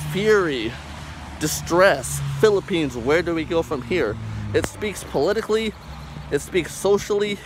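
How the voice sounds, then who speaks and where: A young man reviewing music in a rambling vlog, speaking loudly and emphatically through a face mask that muffles his words, recorded on a phone outdoors. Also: on the high side, noisy background. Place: outdoors in a parking lot. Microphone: phone held close at arm's length.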